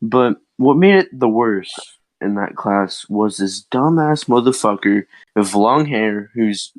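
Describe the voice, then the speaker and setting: A man's voice: lowish voice, animated, slow pace, dry recording, poor audio. A teenage boy co-hosting a casual chat, telling a rambling story full of swearing and laughs, his voice cracking often. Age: teens. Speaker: podcast co-host.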